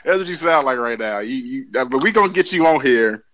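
A man's voice: mid-range voice, expressive, brisk, fairly bright tone, no echo, poor audio. A man hosting a casual sports podcast, joking and swearing with a guest. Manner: profane, laughing, joking banter. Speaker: podcast host.

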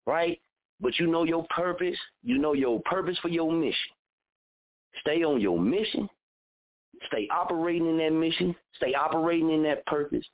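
A man in his thirties hosting a radio show, giving a blunt, fired-up motivational talk full of repetition and cursing. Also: fairly high pitch. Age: 30s. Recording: phone-like narrow audio.

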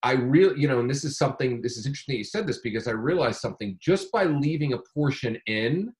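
Rambling, animated male day trader. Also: medium pitch, fast talker. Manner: animated, rambling, many restarts. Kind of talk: casual conversation.

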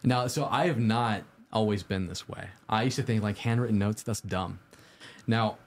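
A man with a fairly low voice hosts a casual livestream. He delivers advice in an upbeat, orderly vlogger manner, talking informally and directly to his viewers and often putting questions to them. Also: moderate pace. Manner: informal, conversational, posing questions to the audience. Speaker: host of a live-streamed IT study show.

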